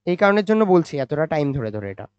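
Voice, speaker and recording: A man teaching physics, explaining slowly and repeating points, asking questions and answering them himself. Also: fairly high pitch, very animated, darkish tone, clear, resonant tone, no echo. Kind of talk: classroom-style physics lecture. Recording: dry, slightly dull recording.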